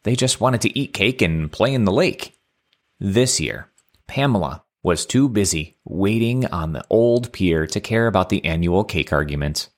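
A man with a very low voice reads a children's story aloud. His delivery is animated, moving freely up and down in pitch. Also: measured pace.

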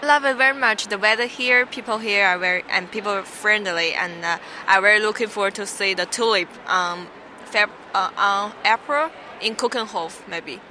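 A woman from China with a bright, clear voice. She answers in a halting but cheerful way and searches for her words. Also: medium pitch, slight background noise.

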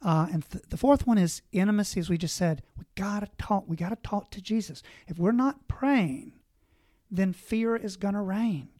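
Earnest priest giving advice. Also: male voice, high-pitched, moderate pace, darkish tone, no echo, studio quality. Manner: earnest, exhortative, lists points. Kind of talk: conversational advice on a panel.

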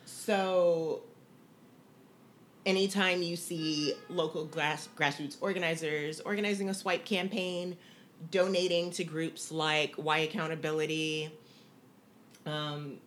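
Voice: mid-range voice, flat delivery, takes it slowly, fairly bright tone, a little hiss or hum. A co-host of a casual talk show who explains at length, rambling and checking in with "right?". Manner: rambling, many ums and "right?". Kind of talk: casual chat.

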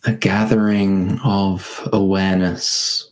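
A low-voiced man guides a meditation at a very slow pace, keeping his tone level. He speaks gently and spaciously in short phrases separated by long pauses.

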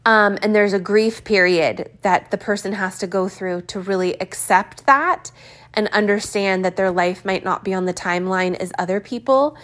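A woman in her early forties talking candidly in a reflective personal vlog, thinking aloud with pauses and fillers. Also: medium pitch, fairly bright tone. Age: 40s. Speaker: vlogger.

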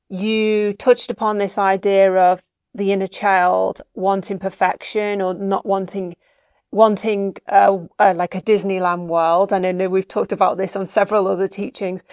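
Female interviewer, mid pitch, dry recording, thoughtful and searching questions. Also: level tone, moderate pace, darkish tone, no echo. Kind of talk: conversational questioning.

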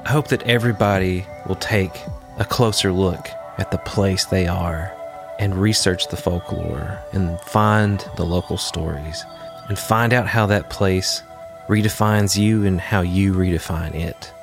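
A man hosting a podcast, reading scripted narration in a measured, earnest way. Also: low-pitched. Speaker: podcast host. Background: music.

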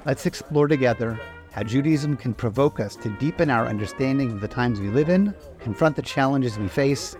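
A man hosting a podcast, explaining ideas in an earnest, steady lecture style. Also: mid-range voice, normal speed, over music. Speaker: podcast host.

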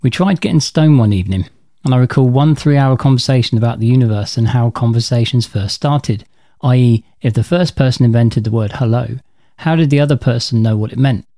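A man's voice: mid-range voice, a little fast, warm tone, dry recording. A man in his forties hosting his own podcast, telling personal stories in a dry, matter-of-fact way from a script. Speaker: podcast host.

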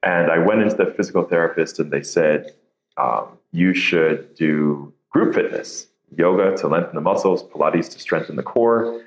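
Guesting on a podcast, this Nigerian-Bahamian tech founder shares his story in a relaxed way, with a low voice at a moderate pace. He jokes at his own expense, laughs readily, and tends to repeat words when starting a sentence, on a rough, reverberant recording.

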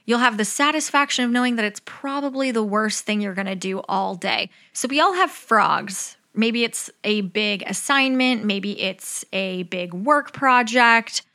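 A woman's voice: medium pitch, normal speed, hardly any pauses, bright, forceful tone. A young adult woman giving upbeat, organised advice like a vlogger, chatty and candid, with casual swearing.

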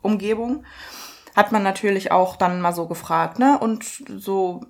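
A woman's voice: mid-range voice, unhurried, creaky. A young adult woman, an online fitness and mindset coach, telling a story in a chatty, rambling way with fillers. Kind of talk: casual storytelling monologue.

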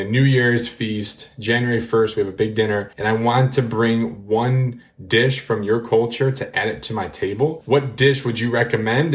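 A man hosting a podcast interview, asking questions and affirming his guests' answers in an encouraging way. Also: lowish voice. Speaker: podcast host. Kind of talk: interview moderation.

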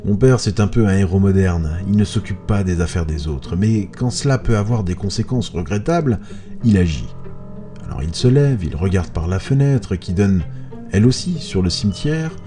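A man with a low, very dark and mellow voice reads a spooky first-person tale aloud. His telling is hushed and suspenseful, and soft music plays faintly under him. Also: expressive, normal speed. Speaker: storyteller. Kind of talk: scripted first-person horror narration.

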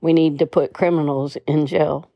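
A woman reciting a repetitive spoken-word protest piece in an earnest, measured way, now and then stumbling and restarting a word. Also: sits low, steady tone, gravelly, dry recording, dull audio.

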